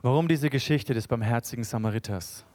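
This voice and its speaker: A man's voice: mid-range voice, a little fast, a little mellow, no room sound. Earnest young man preaching a sermon. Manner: earnest, builds in emphasis, reads scripture aloud.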